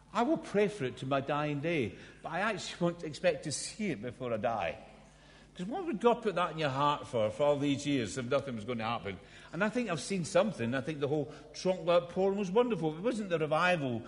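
Scottish preacher, man in his fifties, self-mocking storyteller, a bit high-pitched, long hall reverb. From Scotland. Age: 50s. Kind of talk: sermon.

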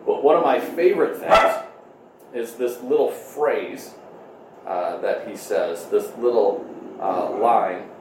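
A man in his thirties preaches a relaxed, conversational sermon, leaning on frequent "uh" fillers as he goes. His voice sits on the low side. It was recorded at home in an echoey room with a faint hum behind it. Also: recorded from a distance. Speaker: pastor. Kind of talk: sermon and prayer streamed online.

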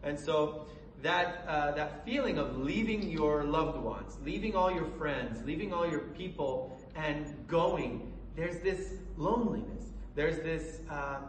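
A man preaching a sermon with a fairly high voice. He talks earnestly and haltingly, with plenty of fillers and restarts. He is recorded in an echoey room, away from the mic, with faint background noise. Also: recorded from a distance. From Colorado, USA.

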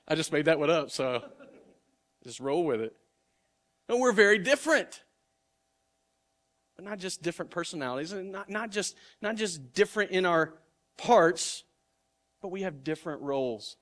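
This middle-aged male pastor delivers his sermon in an earnest, conversational style, frequently repeating the starts of words. He's animated and high-pitched, at a moderate pace with long pauses and a slightly bright tone.

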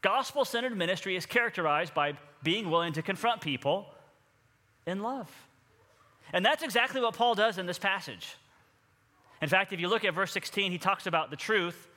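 A man preaching a sermon as pastor of a church, energetic and drawing the congregation into responses. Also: high voice, moderate pace. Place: church sanctuary. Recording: long hall reverb.

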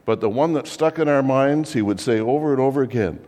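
A man playing a fussy biblical-era undertaker who pitches his business with exasperated, theatrical sales patter. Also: brisk, warm tone, big-room sound, lightly acted. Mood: salesy, wry. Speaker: comic monologue performer. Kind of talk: comic character monologue.

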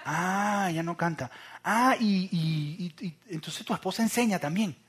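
A man's voice: sits high, unhurried, a bit bright, slight background noise, pitched above the performer's own voice. A man voicing an eager, nosy female student who keeps pressing with questions in a chirpy, insistent way. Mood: eager prying.

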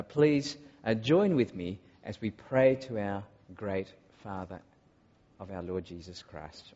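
Malaysian-born guy giving a sermon, kinda husky, lots of uhs, dull recording with long hall echo. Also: lowish voice, darkish tone. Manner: earnest, with frequent filler uhs. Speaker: preacher. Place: large church hall.

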